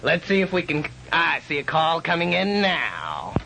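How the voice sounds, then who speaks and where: An actor playing a sarcastic, self-important radio call-in host, smug and sardonic. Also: male voice, a little high, very animated, a little slow, vocal fry, heavily acted. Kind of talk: comic radio phone-in acting. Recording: noisy radio studio recording.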